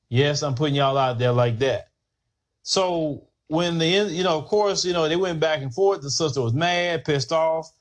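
Fairly high-voiced man, opinionated podcast host, animated. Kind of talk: casual commentary podcast.

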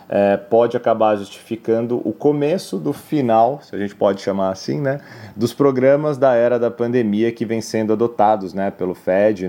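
Male market analyst, low and mellow, explanatory delivery with many tag fillers. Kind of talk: financial news commentary.

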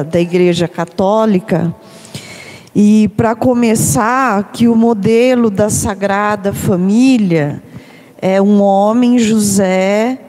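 A woman's voice: medium pitch, dark tone. A woman with a Brazilian accent sharing personal thoughts in a discussion, hesitant and checking in with tag questions. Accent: Brazilian Portuguese. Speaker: discussion participant. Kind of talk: personal reflective talk. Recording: long reverb in a room.

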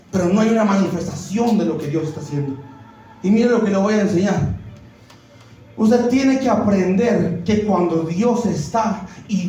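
A man preaching a sermon as pastor, asking the congregation questions and often shouting. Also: high-pitched, distant mic. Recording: heavy echo of a church hall.

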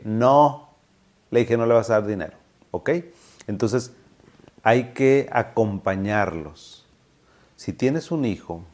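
A man's voice: fairly low pitch, a little mellow. A middle-aged man with a Mexican Spanish accent, a psychiatrist explaining things in casual talk and acting out both sides of his conversations with patients.

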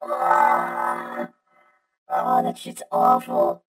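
A man's voice: extremely low pitch, monotone, extremely slow, pitched below the performer's own voice, exaggerated voice. A young man talking through a robotic voice filter, stammering and swearing in a casual joking chat. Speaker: podcast co-host.

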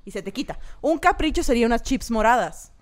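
A woman's voice: fairly high pitch, animated, fast talker. A woman co-hosting a casual chat, joking crudely and bluntly. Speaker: podcast co-host.

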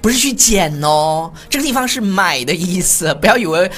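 A man's voice: high-pitched, lively intonation, moderate pace, a bit bright. A man putting on a cutesy young sister persona, co-hosting a playful podcast lesson with sweet sentence-final particles. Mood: chatty. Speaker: co-host.

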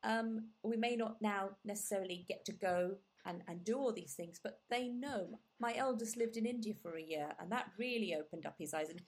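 She's a warm, reflective podcast host from England whose first language is Gujarati, chatting through a casual interview. Her medium-pitched voice moves at a moderate pace with few pauses, though she uses many fillers and restarts.

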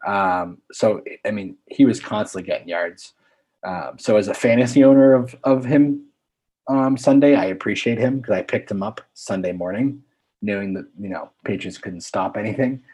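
Man co-host, low husky voice, relaxed hesitant sports chatter. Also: normal speed. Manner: easygoing, hesitant with ums. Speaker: podcast co-host. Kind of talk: casual sports chat.

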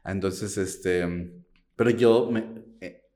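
A man with a Peruvian Spanish accent telling a personal story in a casual chat, campy and animated, often breaking into laughter. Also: fairly low pitch, slow. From Peru.

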